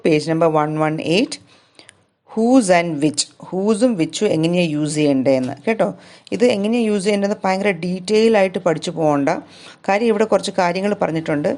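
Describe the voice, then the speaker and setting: A woman's voice: on the low side, darkish tone. A woman teacher with a Malayali English accent patiently explaining grammar exercises to pupils, reading example sentences aloud and explaining them.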